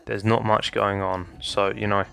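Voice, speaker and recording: In his casual gameplay tutorial, a young Minecraft builder guides the "guys" watching through each step. He has a lowish, level voice with a sharp tone and a moderate pace, slightly hoarse from losing his voice. Faint music sits underneath.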